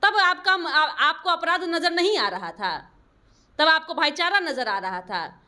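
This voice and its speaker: A woman's voice: high voice, big pitch swings, a little slow, bright, forceful tone. A woman party spokesperson answering interview questions in a combative way, rebutting her opponents and lecturing them.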